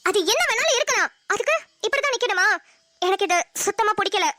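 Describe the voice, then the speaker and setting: A fiery, scolding young wife. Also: female voice, very high voice, lively intonation, fast talker, dry recording, exaggerated voice. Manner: scolding, sharp, threatening. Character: fiery young wife, a medical student with a sharp tongue. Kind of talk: cartoon voice acting.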